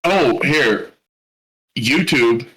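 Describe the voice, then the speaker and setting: A man with a Pittsburgh accent talks casually on a podcast, his voice bright and lively as it swings up and down. He swears freely and laughs often. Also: mid-range voice, extremely slow, a little hiss or hum, low-quality recording. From Pittsburgh area. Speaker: podcast co-host.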